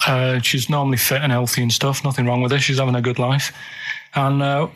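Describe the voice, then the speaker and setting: This English co-host chats casually in a radio studio, spinning odd stories in an earnest, colloquial, matter-of-fact ramble. His voice is medium-pitched, level, brisk, and fairly bright.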